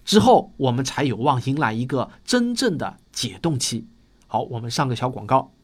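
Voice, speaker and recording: A man's voice: mid-range voice, sing-song, normal speed. A man narrating popular science in a nature documentary style, explaining things like a storyteller from a script. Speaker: host of a popular science audio series.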